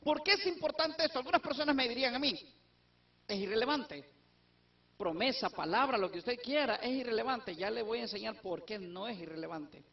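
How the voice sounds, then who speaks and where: A man's voice: extremely high pitch, fast talker, gravelly, few pauses. A man teaching a Bible study who explains step by step and asks and answers his own questions. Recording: distant, dull lo-fi recording.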